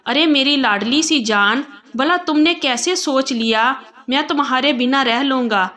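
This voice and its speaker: A loving young husband speaks tenderly, read out by a woman narrator. He coaxes and teases gently in a bright, fairly high voice. It is a spoken Urdu storybook tale. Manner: affectionate, coaxing.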